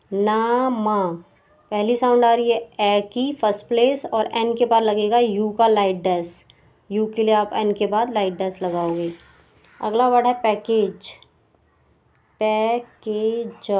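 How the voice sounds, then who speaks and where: Woman, teacher, higher voice, sounds out syllables slowly, asks questions while explaining. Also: dull audio. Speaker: shorthand teacher. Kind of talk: step-by-step lesson explanation.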